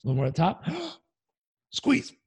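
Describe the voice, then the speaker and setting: A man speaks as a guest coach on a podcast, energetic and motivational. His voice sits in a middle register. The sound is dry and close, with no room around it. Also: medium pitch, a little fast, no room sound. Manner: energetic, motivational, leads breathing exercise aloud. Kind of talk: podcast interview.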